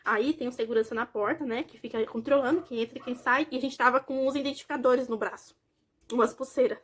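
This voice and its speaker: Young woman, from Brazil, vlogger, chatty storytelling, fairly high voice, rapid pace. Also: steady tone. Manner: chatty, speaks straight to viewers. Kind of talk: casual personal story to camera.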